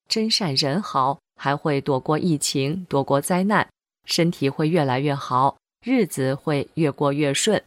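A woman reading a first-person testimony aloud in a steady, even voice. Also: deep voice, no echo, studio quality.

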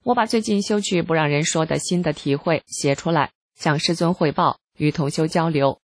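A reader giving scripted narration of a first-person article in a calm, measured, even way. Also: mid-range voice, no echo.

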